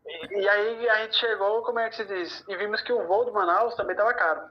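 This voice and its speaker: A man from Brazil tells a story in a relaxed podcast chat, voicing the other people's lines as he goes. He speeds through some bursts and slows down for others. The audio is somewhat dull and lo-fi. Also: high voice. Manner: animated, quotes dialogue, rushes through bursts. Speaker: podcast guest. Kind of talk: casual storytelling.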